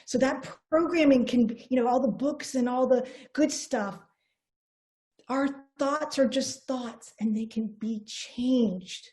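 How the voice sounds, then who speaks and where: A middle-aged woman presenting an online seminar on a video call, energetic and storytelling, with frequent restarts. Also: high voice, takes it slowly.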